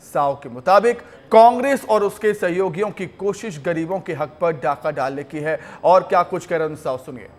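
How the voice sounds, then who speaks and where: A male TV news anchor with a high-pitched voice reads at a moderate pace with few pauses. His delivery is emphatic and repeats the headlines, backed by a news music bed.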